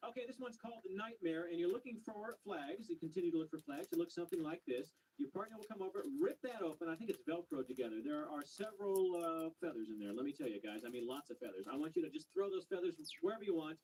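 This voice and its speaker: A man's voice: fairly high pitch, expressive, fast talker, few pauses, a little mellow. An American man hosting a children's game show, giving contestants direct, informal instructions and urging them on. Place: TV studio game show floor. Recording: noisy studio floor sound.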